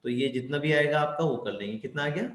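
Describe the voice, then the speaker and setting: Quick and slightly high-voiced, this man teaches chemistry by asking his students questions and supplying the answers himself. His Hindi is peppered with English terms, and the explanatory lesson is recorded in a reverberant room with faint ambience.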